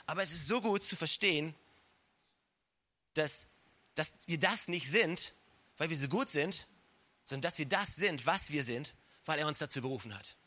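Male pastor, sermon, ringing bright voice, fairly high pitch, emphatic repetition, drops low to stress words. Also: expressive, normal speed, long pauses. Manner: addresses listeners directly with emphatic repetition. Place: church service. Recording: live church recording.

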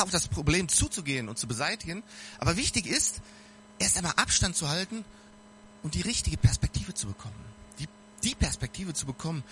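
A man preaches in a relaxed, conversational way, speaking straight to his listeners with earnest conviction. His voice sits fairly high and bright, and his pitch moves a lot as he talks. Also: slight background noise. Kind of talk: informal sermon.

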